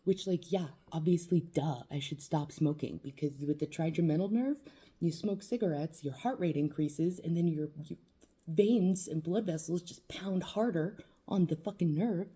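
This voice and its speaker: Low, husky, mellow-voiced woman vlogging. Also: moderate pace. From New Mexico. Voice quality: swearing, rambling, self-mocking. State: in facial nerve pain. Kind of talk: casual talk to camera.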